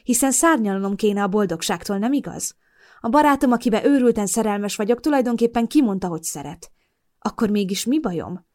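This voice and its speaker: A woman narrating a novel in the first person, in a calm, steady storytelling manner. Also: medium pitch. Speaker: audiobook narrator. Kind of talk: scripted narration.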